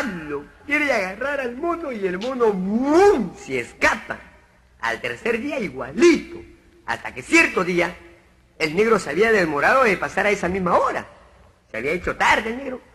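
Animated Peruvian joke-telling man. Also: high-pitched, slight background noise. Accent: Peruvian Spanish. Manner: animated, laughing storyteller. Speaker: comedian.

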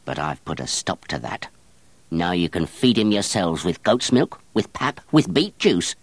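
A man's voice: low voice, very animated, unhurried, husky, no room sound, exaggerated voice. A man voicing a blunt, surly wet nurse who answers in a curt, snarling way. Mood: resentful. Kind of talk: audiobook character voice.

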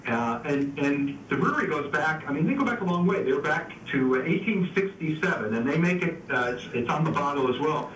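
A man's voice: a little high, animated, fairly quick, hardly any pauses, fairly bright tone. A man contributing beer news to a radio show. He talks in a casual, easygoing way and often stops to say "uh" and restart. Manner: easygoing, explains with frequent "uh" and restarts. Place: remote call into a radio show. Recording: echoey, distant, faint background noise.

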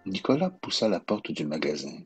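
Quebec french guy reading a kids' tale, lowish husky voice, really expressive. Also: normal speed, soft background music. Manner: expressive, gentle storytelling. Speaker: narrator. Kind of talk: storybook narration.

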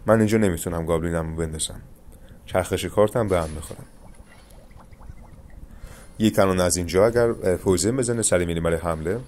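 A young man with a deep, low voice talks his viewers through his matches in a calm, coaching tone. He sounds like he is recording at a desk, with a faint ambient hiss under the voice. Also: pauses often. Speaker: gaming YouTuber. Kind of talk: live gameplay commentary.

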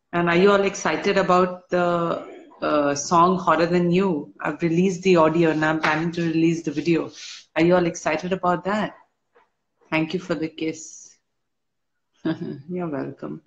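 A woman hosting a casual live stream, reading fan comments aloud and answering slowly while a little unwell. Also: lowish voice. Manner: slow, relaxed, answers comments one by one. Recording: dull lo-fi stream audio.

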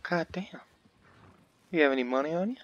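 A man's voice: a little high, a little fast, highs cut off. A tired man with a headset microphone commentating a western game late at night, talking in a folksy, profane mock-cowboy drawl. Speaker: gamer playing a western game.

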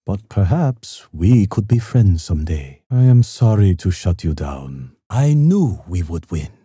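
A grave, honorable samurai warrior for a video game. His voice is very dark and husky, with a lively rise and fall under formal, measured phrasing. He is stoic and unfailingly polite. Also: low-pitched, no room sound, studio quality, heavily acted. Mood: gracious, composed. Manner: formal, measured, solemn, no contractions. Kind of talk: video game character voice lines.

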